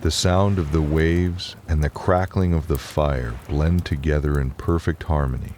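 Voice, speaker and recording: A man narrates guided relaxation and bedtime tales in an exceptionally deep voice. His delivery is slow, calm and soothing, never hurried. A faint bed of waves and crackling fire sits behind him.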